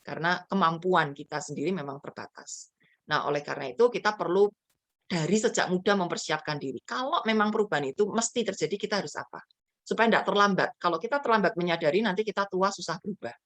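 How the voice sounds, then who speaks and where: A woman's voice: fairly low pitch, quick pace. A woman pastor preaching to students in a chatty storytelling way. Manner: chatty storytelling with frequent fillers. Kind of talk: sermon to a student fellowship.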